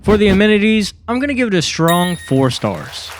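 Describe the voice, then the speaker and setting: A man's voice: high voice, very animated, a little fast, a little hiss or hum. A man hosting a casual hotel review vlog, talking in an upbeat, jokey way. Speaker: vlogger and host.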